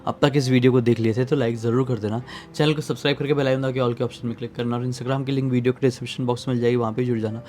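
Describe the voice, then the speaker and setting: A man's voice: medium pitch, flat delivery, rapid-fire, few pauses, mellow, a little hiss or hum. A man hosting a horror story channel, closing the episode in a chatty sign-off. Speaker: channel host. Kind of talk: casual outro sign-off.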